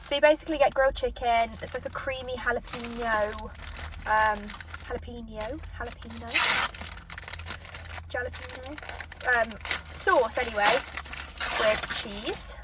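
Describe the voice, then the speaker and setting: A British woman chatting casually to camera as she eats, pausing for bites as a mukbang host. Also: a little high, fairly even intonation. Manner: eating as she talks, with pauses for bites. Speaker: mukbang host eating and reviewing food. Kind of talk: casual chat to camera while eating. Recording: distant microphone, noticeable background noise.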